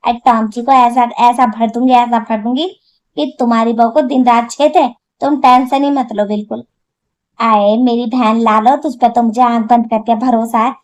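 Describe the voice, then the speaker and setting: A woman's voice: a little high, fairly even intonation, normal speed, close to an everyday voice. A woman voicing a scheming old witch who plays a mother-in-law in a cartoon, speaking in a wheedling, conspiratorial way. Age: older. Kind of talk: cartoon voice acting.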